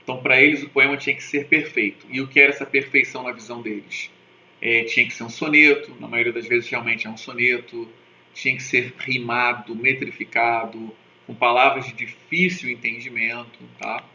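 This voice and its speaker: A man teaching a lesson in a very bright, forceful voice, checking in with his viewers after nearly every point. He spells out sounds and asks them to repeat along. The recording is dull and lo-fi, with a roomy echo and a faint hiss. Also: medium pitch, fairly even intonation, brisk. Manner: didactic, keeps checking in with "tá?" and "né?". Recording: echoey, dull lo-fi room recording with faint noise.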